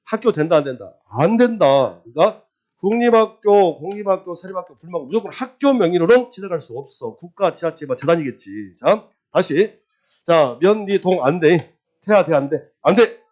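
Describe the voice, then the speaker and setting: A middle-aged man lecturing on property registration law, quizzing his class with rapid questions and answering them himself. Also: high voice. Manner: lively, quizzing, drills with repeated questions and answers. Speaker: real estate law exam lecturer.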